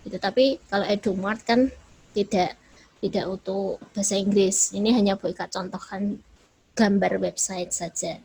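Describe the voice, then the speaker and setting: An Indonesian woman teacher gives a relaxed lecture, switching easily between explanation and examples. Her voice is gravelly with a husky edge. She keeps the talk loose and conversational, tagging her sentences with little checks. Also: mid-range voice, moderate pace, rough recording. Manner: chatty, repeats "ya" and "gitu kan" as tags. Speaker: English teacher. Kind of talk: lecture mixing Indonesian and English.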